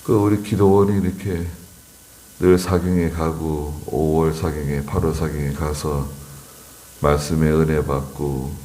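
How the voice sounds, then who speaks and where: A man's voice: very deep voice, flat delivery, unhurried, mellow. A man preaching a dawn sermon as pastor, repeating phrases and voicing mocking questions to make his point. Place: church, dawn service.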